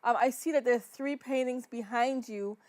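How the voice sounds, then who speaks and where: High-voiced woman hosting an interview. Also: normal speed, darkish tone, no room sound. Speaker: show host. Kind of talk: hosted interview.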